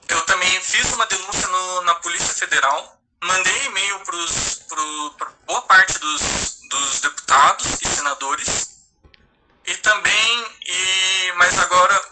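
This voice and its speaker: A Brazilian lawyer in his thirties from Paraná, giving a personal testimony in a halting way, full of restarts. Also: high voice. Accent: Brazilian Portuguese. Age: 30s. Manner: halting, many restarts and hesitations. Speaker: lawyer and guest speaker. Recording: noisy line with clicks.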